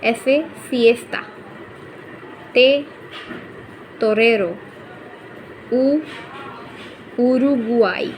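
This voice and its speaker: Woman, language teacher, patient, repeats examples, slow delivery. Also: a little high, a little hiss or hum, low-quality recording. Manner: patient, repeats each example word, frequent "okay". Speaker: Spanish teacher. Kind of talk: Hindi-language lesson explaining Spanish pronunciation.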